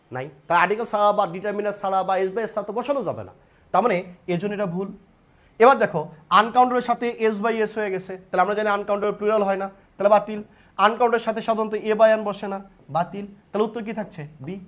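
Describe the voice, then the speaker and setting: A young man teaching an English lesson in a live online class, repeating points, checking in with students and joking between explanations. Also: high-pitched. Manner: repetitive, animated, joking asides with students.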